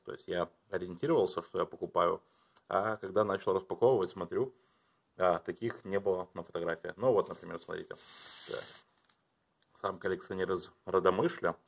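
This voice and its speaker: A man chatting casually at home as he unboxes and reviews his collection, thinking aloud and dropping to quiet mutters as he handles things. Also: low-pitched, vocal fry, breathy edge.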